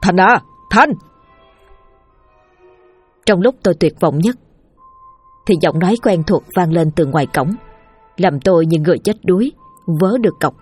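A woman narrating a scripted horror story in a steady, tense storytelling manner. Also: on the low side, normal speed, slightly rough, no echo. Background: faint music.

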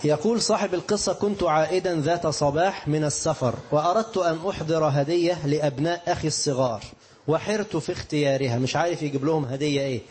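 A man's voice: on the high side, fast, a little mellow, slight background noise. A male preacher with an Egyptian accent delivering a sermon, telling stories that mix classical quotations with colloquial asides to his listeners. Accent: Egyptian Arabic. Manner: storytelling, mixing classical quotes with colloquial asides to the audience.

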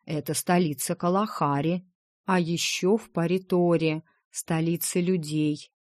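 A woman reading the part of a gruff, protective male dragon in an audiobook, talking bluntly and teasingly. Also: fairly low pitch, steady tone, unhurried, darkish tone, no room sound, studio quality, close to an everyday voice.

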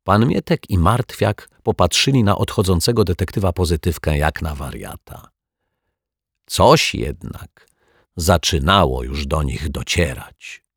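A man's voice: deep voice, lively intonation, measured pace, gravelly, slightly rough, dry recording, clean studio sound. A man reading a children's story aloud playfully, and now and then asking the listener questions. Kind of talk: children's audiobook narration.

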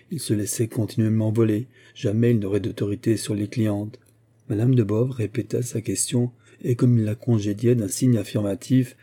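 Narrating a classic novel as an audiobook, a man gives a measured, expressive reading. His voice is fairly low with a breathy edge.

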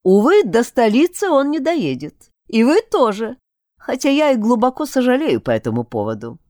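A woman's voice: fairly high pitch, wildly swooping pitch, moderate pace, darkish tone, dry recording, studio quality, pitched above the performer's own voice. A woman voicing a genial, scheming male necromancer prince who speaks with courteous, mock-regretful politeness in an audiobook. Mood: genial menace.

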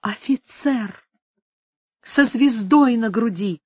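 A jilted young woman, shaken and hushed, half whispering her words, as a woman reader voices her. The reading is slow and recorded close and dry. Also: fairly high pitch, husky, no room sound. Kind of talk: dramatic audiobook reading.

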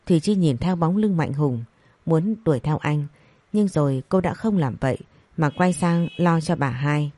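A woman narrating a scripted story, reading each character's lines in the same even voice. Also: low-pitched, moderate pace, dry recording. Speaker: audiobook narrator.

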